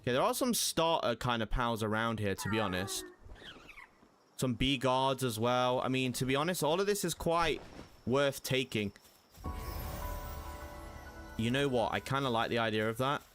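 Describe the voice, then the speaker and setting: A man's voice: mid-range voice, animated, moderate pace, pauses often, fairly bright tone, faint music behind. A young man giving casual gameplay commentary as a streamer, chatty and prone to sudden panicked yelps. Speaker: gaming streamer.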